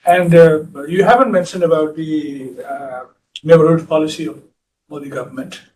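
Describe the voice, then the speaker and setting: A man from Nepal asks a question from the audience at a public talk, pausing often with "uh". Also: on the high side, fairly even intonation, a little mellow. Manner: halting, with frequent "uh" pauses. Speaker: audience member asking a question. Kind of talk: question from the floor. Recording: distant from the microphone.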